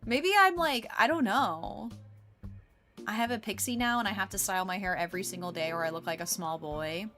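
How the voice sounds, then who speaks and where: A woman's voice: lowish voice, steady tone, a little fast, a bit bright, soft background music. An American woman chatting casually to viewers on a game livestream, rambling playfully from one remark to the next. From United States. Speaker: live game streamer.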